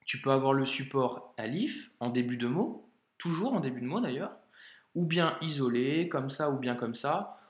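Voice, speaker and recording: A man teaching a video lesson in a patient, informal way, talking straight to the learner and drawing out example words slowly. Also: mid-range voice, lively intonation. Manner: slow, drawn-out modeling of example words. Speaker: Arabic reading teacher. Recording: echoey room.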